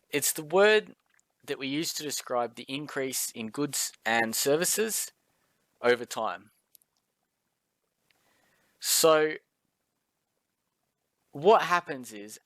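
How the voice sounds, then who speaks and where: Casual maths teacher. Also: male voice, medium pitch, a bit bright, no echo. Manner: casual, friendly, chatty with filler words. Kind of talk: recorded video lesson.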